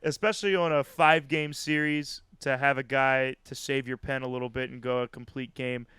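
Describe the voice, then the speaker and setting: A man's voice: medium pitch, fairly even intonation, a little fast, sharp tone, clear, resonant tone, dry recording. A man co-hosting a casual sports podcast, recapping a game play by play with easy chuckles. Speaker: podcast co-host.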